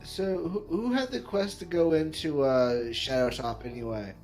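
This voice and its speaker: Higher-pitched man chatting at game table. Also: moderate pace, darkish tone, soft background music. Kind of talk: casual chat.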